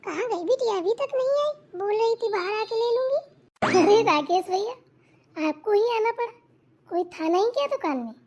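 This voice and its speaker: A woman's voice: extremely high pitch, expressive, a little mellow, highs cut off, voice pushed up. A woman voicing a bossy, meddling young sister-in-law in a cartoon, giving orders and advice. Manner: quick, bossy, advising. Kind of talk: cartoon voice acting.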